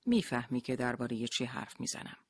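A narrator voicing a male police interrogator who questions with polite, feigned calm in an audiobook. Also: medium pitch, slightly rough, dry recording, studio quality. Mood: cool pressing.

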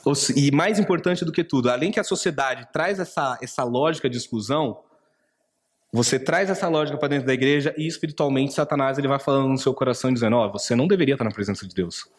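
A man's voice: medium pitch, fast, big-room sound. A man preaching a sermon, earnest, acting out the taunting inner voice in quoted asides. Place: church.

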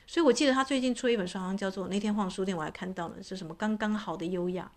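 A woman's voice: medium pitch, racing. Chatty woman coach. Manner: chatty, many filler particles, imitates cat meows. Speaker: voice and astrology coach. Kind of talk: casual talk to an audience.

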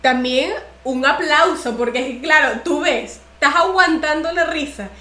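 High, bright-voiced woman podcast host. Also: measured pace, reverberant. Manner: animated storyteller who acts out other people's voices. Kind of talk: casual podcast chat.

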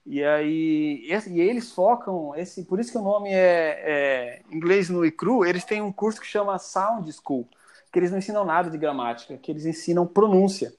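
A man from Brazil talks casually as a guest on a podcast. His voice sits high for a man, and he rambles along, restarting sentences as he goes. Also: lively intonation, moderate pace, a little mellow. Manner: chatty, rambling with frequent restarts. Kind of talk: casual chat.

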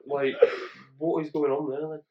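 A man co-hosting a casual podcast chat. He tells animated stories, laughs often and acts out the people in them. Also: a little high, normal speed, a little hiss or hum. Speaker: podcast co-host. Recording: lo-fi muffled podcast audio.

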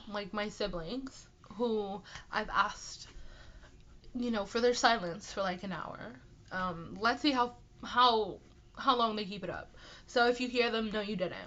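A woman's voice: medium pitch, sharp tone, highs cut off. Nasal, congested young woman chatting casually. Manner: apologetic, self-deprecating, rambling. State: sick with a stuffy nose. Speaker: podcast host and aspiring author. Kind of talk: casual solo chat answering listener questions.

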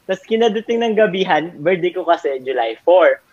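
Talking a little fast in a high-sitting voice with lively intonation, a young man rambles through anecdotes among college friends. The chat is casual, with plenty of fillers and laughter, and the recording is dull and lo-fi.

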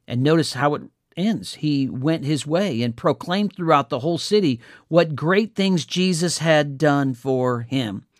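A man's voice: a little high, no echo, studio quality. Earnest man teaching a Bible devotional. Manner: earnest, walks through verses.

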